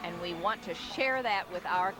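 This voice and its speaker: A woman's voice: on the low side, moderate pace. An American woman co-hosting a live parade broadcast as commentator, mixing scripted copy with chat. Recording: outdoor street broadcast, music behind.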